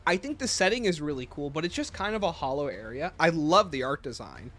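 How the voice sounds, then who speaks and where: A man's voice: on the high side, big pitch swings, brisk, a bit bright. A man hosting a livestream, giving opinionated casual commentary and answering chat messages aloud. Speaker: livestream host.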